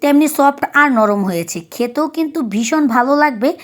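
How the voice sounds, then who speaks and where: A woman's voice: high-pitched, expressive, brisk. A woman from Bangladesh, a cooking vlogger, chatting through each step of a recipe and explaining why. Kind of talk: recipe narration.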